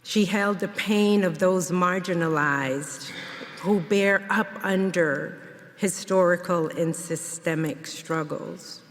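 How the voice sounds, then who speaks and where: A woman from Jamaica giving a memorial eulogy in a church, speaking in a measured, reflective way. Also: fairly low pitch. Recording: long church reverb.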